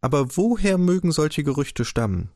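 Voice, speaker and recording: A man voicing an excited woman, the hero's sister, asking hasty, agitated questions in an audiobook. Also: a little high, normal speed, no echo, studio quality, pitched above the performer's own voice. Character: excited middle-aged sister, hurried.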